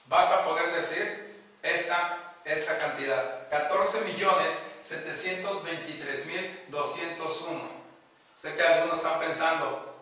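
A man giving an English lesson, upbeat, drilling each word slowly and deliberately. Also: fairly high pitch, bright, forceful tone. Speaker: English teacher. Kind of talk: spoken language lesson. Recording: very echoey room, mic far off.

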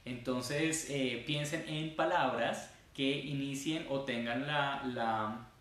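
A man teaching English pronunciation, speaking slowly and stretching sounds out to demonstrate them. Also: medium pitch, fairly bright tone. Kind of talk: casual online lesson. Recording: very echoey room.

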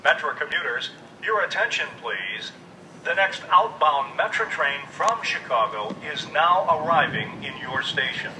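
A man making formal safety announcements over a station loudspeaker, in a measured, even delivery. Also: fairly high pitch. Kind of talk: automated public announcement. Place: outdoor train platform. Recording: echoey loudspeaker from far off, train noise.

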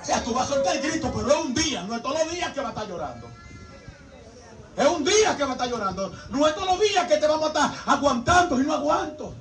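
A male preacher giving an animated sermon, acting out the voices of his congregation. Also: extremely high pitch, fast, slight background noise. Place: church hall. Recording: echoey hall from far off with music.

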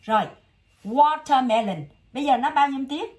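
Patient Southern Vietnamese woman tutor. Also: high voice. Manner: patient, drills words slowly and repeatedly. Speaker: English tutor. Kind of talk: one-on-one vocabulary lesson.

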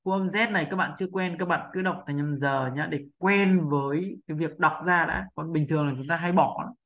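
Patient man teaching pronunciation, slightly high. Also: vocal fry, highs cut off. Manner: patient, repeats sounds slowly, asks for agreement. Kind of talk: spoken lesson.

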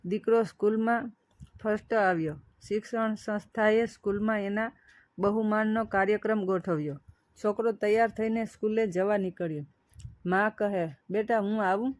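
A woman storyteller narrating an emotional moral tale in a measured, dramatic way. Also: mid-range voice, steady tone, darkish tone, dry recording.

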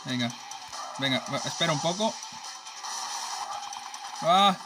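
A man with a Spain Spanish accent narrates a racing game in excitable, foul-mouthed let's play commentary, his voice set high and leaping all over the place. He jokes and trash-talks the rival cars, with loud racing game music playing behind him. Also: slow pace. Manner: excitable, profane, joking trash talk at rivals. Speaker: gaming channel host. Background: racing game music and sounds.

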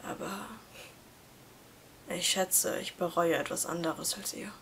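A woman voicing a quiet, gentle teenage schoolboy who speaks in a soft, half-whispered way while reading a story aloud. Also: fairly low pitch, little pitch movement, slow, husky, full character voice. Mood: hushed resigned.

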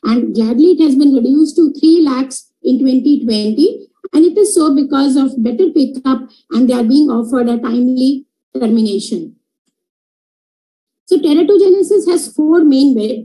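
A woman's voice: high voice, dark tone, rough recording. A middle-aged woman with a North Indian accent, giving a slide lecture as a doctor on a video call. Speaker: gynecologist giving a webinar lecture. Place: indoor room, video call.

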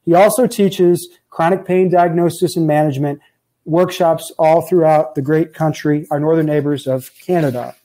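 A chiropractor in his forties hosts a health podcast from an indoor office hung with framed diplomas, upbeat and joking as he reads through long intro lists in casual interview chat. His slightly high voice stays warm and soft-edged, with fairly even intonation at a normal speed. The poor audio comes through an earbud headset mic on a video call.

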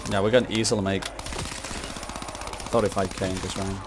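Over zombie shooter music and gunfire, a gamer narrates his own play in a deep voice with little pitch variation. He speaks at a moderate pace, relaxed and muttering, and the background is noisy.

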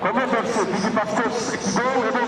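High-voiced male announcer, heavily echoing. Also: steady tone, quick pace. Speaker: match announcer. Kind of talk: public announcement at a football match. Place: outdoor football ground. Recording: very echoey distant PA, loud crowd noise. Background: loud crowd.

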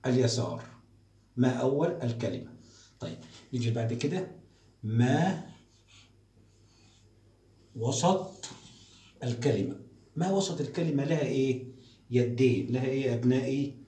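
A man, teaching the alphabet to first graders in a slow, repetitive drilling style. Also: medium pitch, lively intonation, mellow. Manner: slow, drawn-out syllables and repeated drills. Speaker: primary school teacher. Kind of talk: recorded classroom lesson for young children. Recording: echoey room, voice off-mic.

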